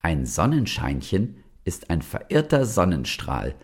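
Casting: male storyteller for kids, deep and lively, husky. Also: measured pace. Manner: lively, addresses children directly. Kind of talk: reading a children's story aloud.

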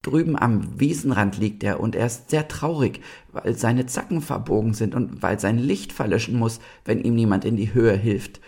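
A brave young doe from a storybook speaks high and clear with earnest resolve, as a male reader puts her on. Her lines rise and fall in lively swings. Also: normal speed. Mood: pleading. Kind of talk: storybook reading.

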